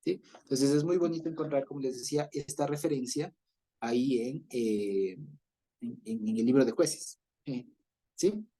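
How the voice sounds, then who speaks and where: A man's voice: mid-range voice, normal speed, dark tone, husky. A man teaching an online Bible class over a video call, explaining patiently, often checking in with listeners and chuckling as he goes.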